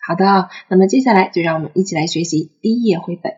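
A woman's voice: lowish voice, darkish tone, soft background music. A woman teaching a French picture-book lesson, patiently spelling out and repeating sounds. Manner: patient, drawn-out demonstration of sounds. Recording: slightly muffled recording.

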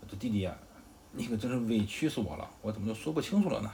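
A patient, loyal general explains himself earnestly, pleading to be believed, as a man voices him. The tone stays low and steady rather than fierce. A faint hiss lies under this storybook retelling. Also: fast, gravelly.

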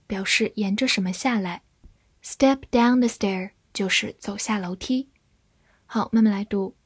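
Slow, husky-voiced woman teaching vocabulary. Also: on the high side, darkish tone, no echo. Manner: spells words letter by letter and reads example sentences slowly. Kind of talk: scripted vocabulary lesson.

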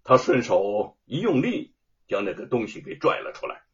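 A man narrating a dramatic audiobook story in a vivid, expressive manner. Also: medium pitch, moderate pace. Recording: dull lo-fi audio.

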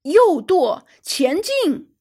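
A woman voicing a stern male naval captain who shouts commands on deck in a storybook reading. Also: very high voice, big pitch swings, drawn-out words, voice pushed up, exaggerated voice. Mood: commanding.

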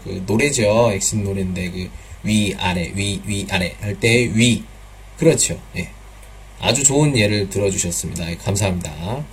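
A man's voice: fairly low pitch, breathy edge. A man teaching pronunciation in a live online class, patiently repeating drill sounds and mixing in some Chinese words.

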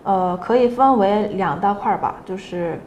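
A young woman from South Korea speaking as a second-language speaker with a Korean accent, answering casually as an interview guest and pausing to search for words. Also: mid-range voice, darkish tone. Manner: hesitant, pausing to search for words, frequently agreeing. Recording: echoey room with faint noise.

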